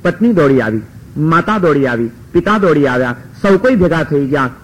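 High-voiced male devotional storyteller. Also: normal speed, slightly rough, rough recording. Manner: lively, dramatic narration.

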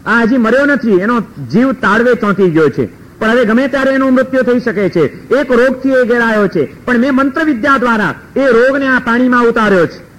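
A male storyteller voicing a wise, calm male sage who speaks in a measured, reassuring way. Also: very high voice, pitched above the performer's own voice, poor audio. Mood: solemn.

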